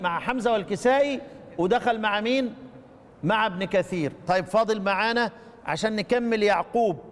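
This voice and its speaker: Egyptian male recitation teacher, high pitch, quizzes the class and answers himself, long reverb. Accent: Egyptian Arabic. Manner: asks the class questions and answers them himself; chants the verse words slowly. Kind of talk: religious lesson.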